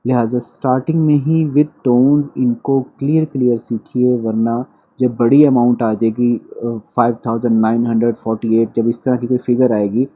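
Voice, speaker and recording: A man teaching an online language lecture, patiently repeating drills in a steady rhythm. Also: mid-range voice, slightly rough, highs cut off.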